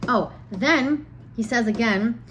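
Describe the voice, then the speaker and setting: A woman's voice: a little high, slow pace, fairly bright tone, a little hiss or hum, rough recording. A young woman telling a dating story to camera in a chatty, exasperated way, full of filler words. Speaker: vlogger. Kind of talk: casual storytelling.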